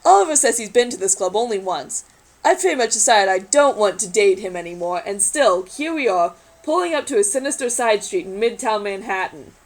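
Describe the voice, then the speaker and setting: A woman's voice: mid-range voice, expressive, brisk, poor audio. A woman reading a magazine story aloud in a casual group chat, adding wry, sarcastic asides.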